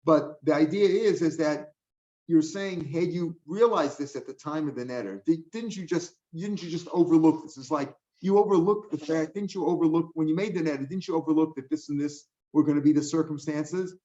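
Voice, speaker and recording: A man's voice: on the high side, brisk, warm tone. Older man teaching Talmud, lo-fi. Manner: conversational, explaining with asides and restarts. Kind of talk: daily Talmud class, explaining line by line. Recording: dull lo-fi recording.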